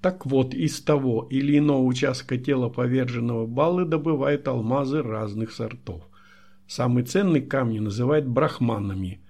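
A man's voice: mid-range voice, normal speed, darkish tone, lightly acted. A man reading a wry, short-tempered male laboratory chief in an audiobook.

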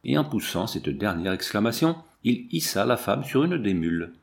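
A man reading a novel aloud as narrator, lively and giving the characters' lines their own voices. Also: fairly low pitch, normal speed, creaky. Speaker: audiobook narrator.

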